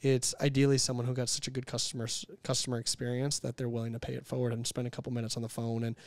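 A man in his thirties, an entrepreneur appearing as a guest, speaks candidly in a casual interview. He's animated and quick to act out quotes, with a medium-pitched voice and no room sound.

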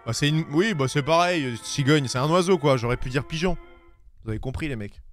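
A man streaming a video game, chatting casually with viewers and swearing, with bursts of shouting at the animals in the game. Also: on the high side, fairly quick, faint music behind. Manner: talks to his chat viewers. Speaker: streamer playing a climbing game. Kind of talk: casual gameplay commentary.

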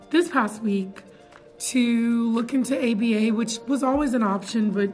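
A young woman, a teacher chatting casually to camera in her classroom, animated and full of fillers. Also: fairly high pitch. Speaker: middle school science teacher. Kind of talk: casual vlog chat. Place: classroom, indoors.

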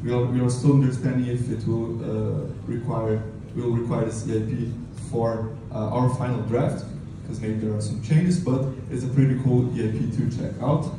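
A man in his thirties speaking at a conference in an informal technical lightning talk, with hesitant, halting delivery and repeated words. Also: medium pitch, fairly even intonation. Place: medium conference room, indoors. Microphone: handheld mic through PA, picked up by a distant camera. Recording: roomy, distant, noisy room recording.

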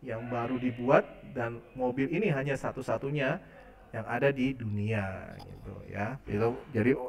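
A man with an Indonesian accent giving a class lecture, mixing English phrases into his talk and pausing often on fillers. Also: mid-range voice, creaky, distant mic.

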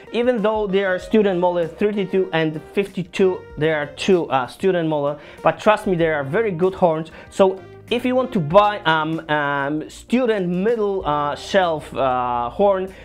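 A saxophone teacher in his thirties from Poland gives a casual, earnest gear review in halting non-native English with a Polish accent. He records in a small home studio on a camera mic a few feet away, and his voice is high-pitched.

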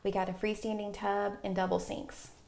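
A woman in her forties explains plumbing fixtures for a TV segment, confident and chatty. She pauses with fillers as she goes, and her voice sits at a medium pitch. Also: little pitch movement, creaky, darkish tone. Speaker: plumbing supply rep. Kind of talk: product explanation in a TV interview. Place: inside a home bathroom.

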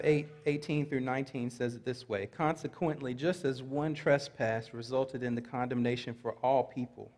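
A middle-aged pastor with a medium-pitched, somewhat dark voice preaches in a large church sanctuary. He reads scripture aloud and tosses light asides to the congregation, and the recording carries the long reverb of a big hall.

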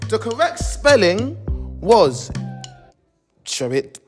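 Playful young host with a lively voice. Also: male voice, sits high, takes it slowly, over music. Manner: playful, teasing, laughs a lot. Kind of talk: hosting a dating game show. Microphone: handheld mic.

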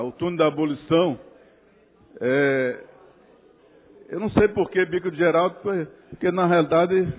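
A councilman speaks formally and critically, stopping and restarting as he addresses colleagues. His voice sits a bit high. The sound is thin and phone-like, with a long reverb from the chamber. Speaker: city councilor. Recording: reverberant chamber over a tinny narrow-band feed.

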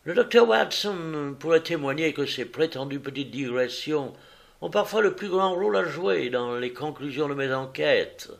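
A man voicing a calm, sharp-eyed detective who speaks in a patient, precise, polite way in an audiobook. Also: a little high, normal speed, vocal fry, pitched above the performer's own voice. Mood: composed.

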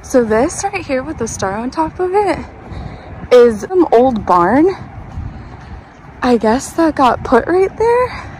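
A woman's voice: high-pitched, very animated, takes it slowly, long pauses, a little mellow. A young woman vlogging as a stay-at-home mom, chatting casually and playfully with her toddler while filming on a handheld phone outdoors. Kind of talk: casual vlog narration. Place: outdoors at a park and shopping street. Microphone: handheld phone camera. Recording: noisy outdoor phone recording.

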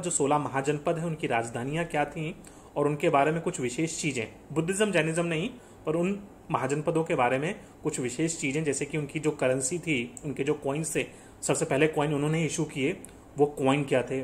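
A man's voice: a little high, a little hiss or hum. A man teaching an exam-prep lesson, explaining step by step and asking questions that he answers himself, often mixing in English phrases. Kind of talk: classroom lecture with quiz questions.

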